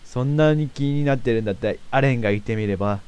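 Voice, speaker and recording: A man's voice: mid-range voice, fast, darkish tone, clean tone, natural voice. A man doing a grumbling sulky boy.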